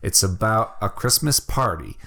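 A man's voice: on the low side, lively intonation, normal speed, bright, forceful tone. A man co-hosting a casual movie chat, rambling and enthusiastic, laughing often. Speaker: podcast co-host.

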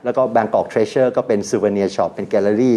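Thai radio guest, male, low mellow voice, animated storyteller who drops English words. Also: slow pace. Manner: animated storytelling, mixing English terms, laughs. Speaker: guest brand owner. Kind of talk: radio talk show conversation.

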